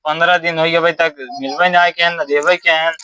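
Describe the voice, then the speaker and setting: Man acting as village creditor, Awadhi accent, bright forceful voice, insistent, questioning, dry sound, rural comedy. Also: on the high side, level tone, brisk, clean tone, no echo. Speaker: actor in a comedy sketch.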